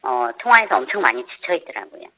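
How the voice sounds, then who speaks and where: Anonymous parent guest, a woman with her voice disguised lower by a voice changer, lively and bright-edged, indignant and listing faults. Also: quick pace, dull audio. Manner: indignant, lists complaints point by point. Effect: voice disguised by a pitch changer. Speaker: parent of a camp participant. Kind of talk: live radio interview guest.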